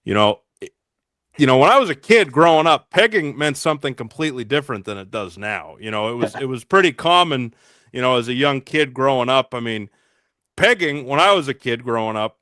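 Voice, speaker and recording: A man with a Massachusetts accent, chatting casually and telling a deadpan joke story on a video call. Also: mid-range voice, a little fast, no room sound, clean studio sound. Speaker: guest.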